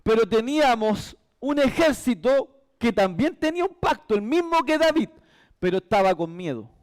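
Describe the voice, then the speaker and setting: Male pastor, very high voice, emphatic church sermon, repeats key phrases. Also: sing-song, normal speed, darkish tone. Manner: emphatic, repetitive preaching.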